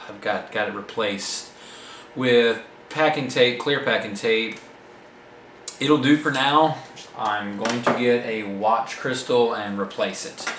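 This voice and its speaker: A man's voice: medium pitch, a bit bright. A man, an independent filmmaker, giving a casual vlog update in a rambling, self-correcting, plain-spoken way, recorded indoors on the camera's built-in mic. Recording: echoey room mic from a distance with noise.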